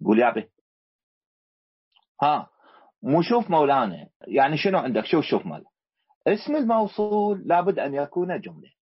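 Iraqi male teacher, husky and animated, drills students with repeated questions on dry lo-fi audio. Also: fairly high pitch, fairly quick, no echo. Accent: Iraqi Arabic. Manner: questioning, repeats key words to the class. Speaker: grammar teacher. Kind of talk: classroom grammar lesson. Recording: dull lo-fi recording.

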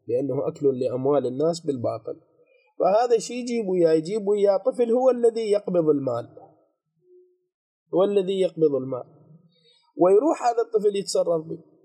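A man with an Iraqi accent teaching a seminary lesson on a legal text. He explains step by step, asks rhetorical questions, repeats key phrases and reads quoted passages slowly. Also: a little high, mellow, slightly rough. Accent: Iraqi Arabic. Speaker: religious law teacher.

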